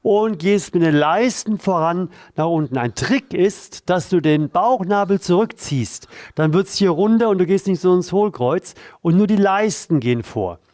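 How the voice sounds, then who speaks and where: A man's voice: sits high, lively intonation, moderate pace, hardly any pauses, a little mellow, no echo, clean studio sound. A man leading a back-stretching exercise, addressing the viewer directly and encouragingly as he coaches a partner through it. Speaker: pain therapist leading exercises. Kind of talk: instructional exercise demonstration.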